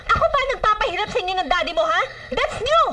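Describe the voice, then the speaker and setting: Sharp-tongued single mother, bright high voice, film drama. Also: animated, brisk, recorded from a distance, slight background noise, heavily acted. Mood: bitter. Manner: sharp, bitter, scolding.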